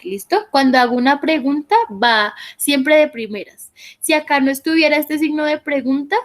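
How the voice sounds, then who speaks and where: A woman's voice: a little high, rough recording. A woman teaching an English class online, reading out student answers and patiently explaining corrections, often checking in with "¿listo?".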